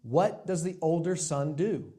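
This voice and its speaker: A man's voice: on the high side, unhurried, dark tone, husky. A male pastor preaching a sermon in a church sanctuary in a conversational way, asking his congregation rhetorical questions.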